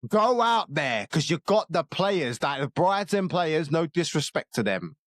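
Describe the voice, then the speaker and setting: A man's voice: fairly high pitch, very animated, measured pace, a bit bright, no echo, studio quality. A young man in a casual football chat, passionate and fired up, with casual slang. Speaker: co-host, football fan.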